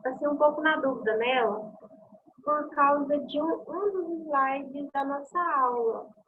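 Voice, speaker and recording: High-voiced hesitant woman student, tinny call. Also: unhurried. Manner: hesitant, searching for words. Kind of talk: asking a question in class. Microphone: computer or phone mic on a video call. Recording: thin phone-like call audio with faint hiss.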